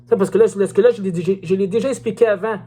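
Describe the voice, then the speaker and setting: An online evangelist tells an informal livestream testimony, earnestly repeating phrases and reading messages aloud slowly. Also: medium pitch, fairly even intonation, mellow.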